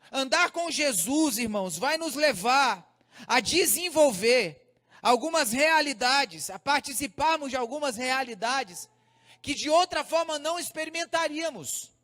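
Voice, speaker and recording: A man's voice: extremely high pitch, fairly bright tone. A male pastor with a Brazilian Portuguese accent preaching to young people, speaking straight to the crowd and telling stories. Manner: preaching to a crowd, addressing them directly, storytelling. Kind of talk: sermon to a youth congress. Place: large church hall. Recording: hall reverb.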